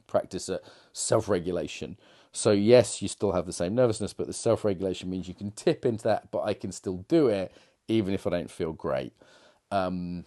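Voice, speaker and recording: A confidence coach with a deep, mellow voice delivers a casual monologue to camera. His manner is rambling and reflective, with frequent fillers and restarts.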